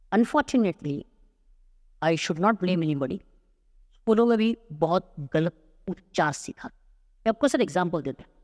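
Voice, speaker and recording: A man's voice: high-pitched, a little mellow. Emphatic man coaching, in a reverberant room. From Maharashtra, India. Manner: emphatic, mixes Hindi and English. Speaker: spoken English coach. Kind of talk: podcast interview answer.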